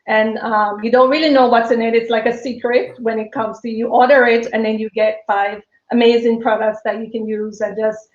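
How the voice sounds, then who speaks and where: On a live stream, a woman in her fifties who runs a small business talks casually as a guest and laughs a lot. Her Jamaican accent carries British and American touches, and her rather high voice barely moves in pitch, flowing at normal speed with few pauses through a roomy, muffled recording.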